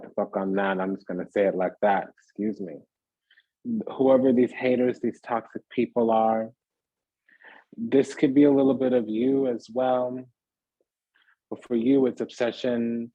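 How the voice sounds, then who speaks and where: A man's voice: lowish voice, dry recording, dull audio. A man giving a casual, rambling tarot reading to viewers, piling up phrases in lists and checking in with "does that make sense?". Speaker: tarot reader.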